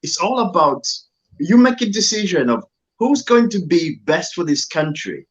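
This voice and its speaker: A man's voice: sits high, very animated, moderate pace, muffled recording. A man from Zambia appearing as a guest, making an earnest, emphatic appeal and repeating his key phrases. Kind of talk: political appeal on an online talk show.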